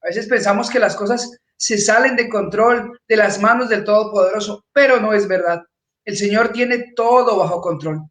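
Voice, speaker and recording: A high-pitched man delivers a church sermon in an earnest, steady manner. His voice rings out in a roomy, echoing space. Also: moderate pace. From Peru. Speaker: pastor. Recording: echoey room.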